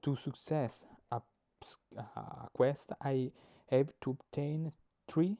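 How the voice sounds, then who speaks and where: Explaining board game rules, a young man with an Italian accent speaks at medium pitch in a steady, dark tone. His English is hesitant, with frequent stops to look for words and lots of fillers.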